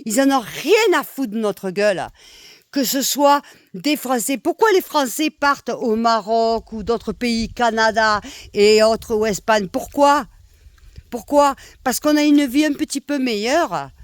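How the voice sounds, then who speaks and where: A middle-aged woman from Nîmes speaks with a strong southern French accent. She rants in a heated, repetitive way, swearing and breaking into loud outbursts. The sound is dry, with no room echo. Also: on the high side, lively intonation, a little slow. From Nîmes, southern France. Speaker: expatriate venting online. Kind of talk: angry political rant.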